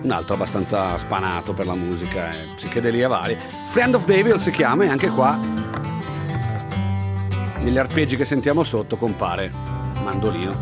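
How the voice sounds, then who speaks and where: A man's voice: on the low side, lively intonation, moderate pace. A man hosts a music show in casual chat, presenting songs in an informal, loose way and often interjecting. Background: music playing.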